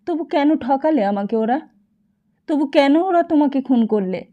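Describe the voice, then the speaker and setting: Audiobook figure: woman playing a grief-stricken sick husband, agitated and pleading, slow-spoken. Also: high-pitched, expressive, pitched above the performer's own voice. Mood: anguished. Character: anguished grieving young husband, sick and guilt-ridden. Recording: slightly dull lo-fi recording.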